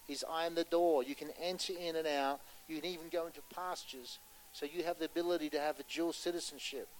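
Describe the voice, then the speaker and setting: A man preaching a sermon with passion, pressing his points loudly and then dropping to a hushed voice to tell a story, and putting questions to his listeners. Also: fairly high pitch, steady tone, a little fast, slight background noise, low-quality recording. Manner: impassioned, swinging between loud urgency and hushed storytelling; asks the audience rhetorical questions.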